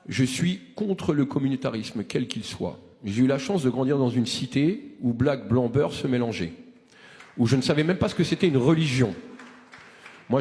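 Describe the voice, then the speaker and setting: Speaking in a big room, an activist in his forties rallies a movement with passion, often restarting and asking rhetorical questions. His voice sits mid-range with a darkish tone.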